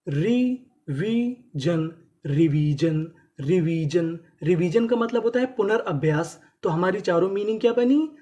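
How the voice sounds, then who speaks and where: A teacher giving a reading lesson, spelling each word letter by letter, repeating it slowly, and asking and answering its own questions. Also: medium pitch, lively intonation, mellow. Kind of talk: classroom-style lesson explanation.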